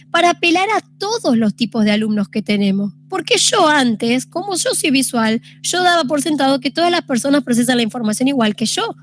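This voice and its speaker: A young woman with an Argentine accent gives an informal talk to students in a high, clear voice. She explains step by step and keeps checking that her listeners follow. A faint hum runs under the recording. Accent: Argentine Spanish. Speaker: teacher giving a study-tips talk.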